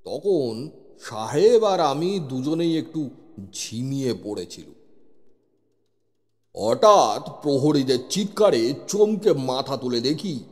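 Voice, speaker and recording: With music beneath and a long reverb on the recording, a man tells a scripted horror tale in the first person as a police inspector. His voice sits on the high side with a darkish tone, and he narrates with dramatic suspense.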